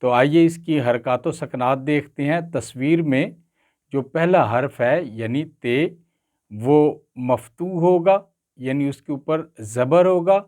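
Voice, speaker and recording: A man teaching Urdu pronunciation, carefully drawing out each word with frequent pauses. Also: mid-range voice, darkish tone. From Pakistan. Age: older. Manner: careful, drawn-out enunciation with frequent hesitation sounds. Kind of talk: slow, deliberate pronunciation lesson.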